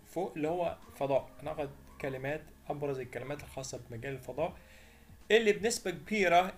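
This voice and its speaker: A man with an Egyptian Arabic accent teaching English vocabulary. He says each word slowly several times, then gives its meaning. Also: fairly high pitch. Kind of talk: vocabulary lesson voice-over.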